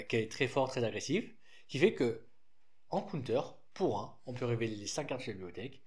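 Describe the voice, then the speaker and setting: Guy with a lisp going over his card deck, chatty and rambly, mid-pitched voice. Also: darkish tone. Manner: rambling, frequent restarts and fillers, informal. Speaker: card game deck presenter. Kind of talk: casual deck explanation.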